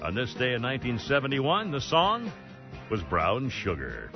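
A man's voice: medium pitch, huge pitch swings, moderate pace, highs cut off, music in the background. A man hosting a talk radio show, rambling and sarcastic, often exasperated, speaking from a studio. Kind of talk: casual talk radio banter. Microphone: studio microphone.

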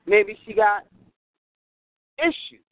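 A man co-hosting a talk radio show from a patchy phone line that fades in and out, talking in an animated way, chuckling and repeating himself for emphasis. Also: slow pace, no room sound. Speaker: radio show co-host calling in. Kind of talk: casual talk radio chat. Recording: tinny dry phone line.

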